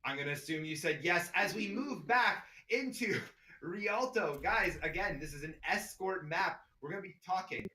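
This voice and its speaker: A man with a Canadian accent calling an online esports match as caster, chatty and upbeat, laughing often and getting excited on big plays. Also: sits high, normal speed. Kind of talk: play-by-play esports commentary.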